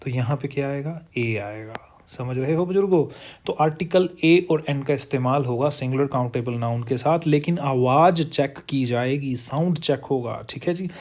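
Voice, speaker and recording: A man runs an English grammar lesson in Hindi, joking with his students and calling them pet names. He stretches out example words slowly for pronunciation practice, and his English carries a Hindi accent. His voice sits at an ordinary middle pitch for a man. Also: a little mellow. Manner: playful, teasing, calls students "buzurgon" and "bhaiya ji".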